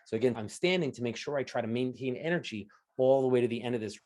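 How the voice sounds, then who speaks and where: Guy giving a lively coaching talk, mid-pitched voice, chatty, keeps saying right? okay?. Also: fast talker. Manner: energetic, conversational, often adds "right?" and "okay?". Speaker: interview coach presenting a talk. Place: indoors at home, standing while presenting.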